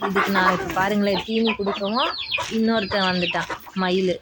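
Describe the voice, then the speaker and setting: A middle-aged woman chats casually in a home vlog. She talks fondly to her hens at a backyard coop, and her voice sits at a middle pitch. Loud clucking and rooster crows fill the outdoor recording. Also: steady tone, a little fast. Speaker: vlogger. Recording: loud outdoor noise from poultry. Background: clucking chickens and crowing roosters.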